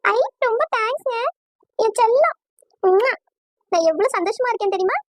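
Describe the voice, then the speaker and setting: A woman's voice: steady tone, a little fast, no room sound, studio quality. A woman voicing a young bride-to-be in a cartoon, tearful and devoted, with emotional, pleading speech. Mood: overjoyed. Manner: pleading, emotional, high-pitched. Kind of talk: cartoon voice acting.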